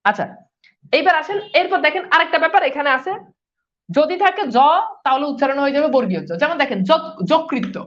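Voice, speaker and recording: A woman's voice: high-pitched, animated, fairly quick, a bit bright. A woman teacher giving a live online class, asking questions and answering them herself and repeating key points. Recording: dull lo-fi sound.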